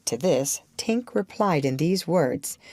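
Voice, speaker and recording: A woman reads a storybook aloud with a very lively, expressive voice. Her pitch moves freely up and down, and the sound is dry and close to the mic. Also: slow pace, no room sound. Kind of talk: scripted narration.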